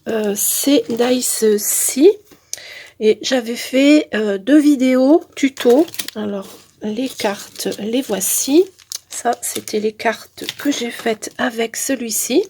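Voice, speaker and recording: A woman's voice: a little high, takes it slowly, darkish tone, a little hiss or hum. A woman with a head cold and blocked nose, talking nasally as she casually presents handmade crafts as a channel host. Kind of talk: casual craft showcase narration.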